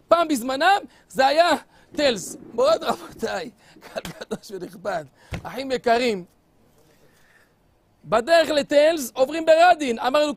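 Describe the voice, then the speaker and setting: A man preaching with animated, theatrical storytelling and addressing his audience directly. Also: very high-pitched, no room sound. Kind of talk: storytelling sermon.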